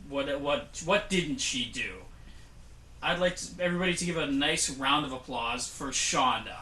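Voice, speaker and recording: A man's voice: mid-range voice, moderate pace, roomy sound, heavy background noise. A man hosting a homemade awards show, talking in playful, mock-grand banter with some hesitant restarts. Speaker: host. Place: home studio room.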